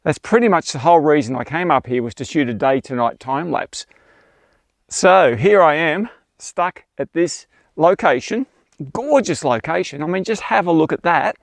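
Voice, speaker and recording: A man's voice: fairly high pitch, animated, moderate pace, creaky, no room sound. A man, telling a photography trip story in a chatty, self-deprecating vlog style. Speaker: landscape photographer vlogger.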